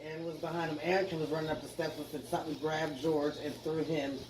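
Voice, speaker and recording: A woman's voice: low-pitched, little pitch movement, quick pace, echoey room, recorded from a distance, heavy background noise. Earnest woman telling a ghost story. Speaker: homeowner. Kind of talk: casual interview.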